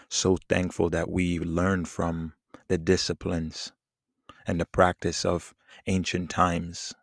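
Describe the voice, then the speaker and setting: A man leading a guided meditation in a soothing, unhurried manner with long pauses between phrases. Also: low-pitched, no room sound, clean studio sound. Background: soft plucked guitar music.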